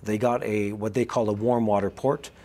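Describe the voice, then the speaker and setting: Quick-talking man, lowish voice. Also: level tone, dark tone. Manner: quick and fluent, lots of fillers and restarts. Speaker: podcast co-host. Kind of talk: casual analytical chat. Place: Israel.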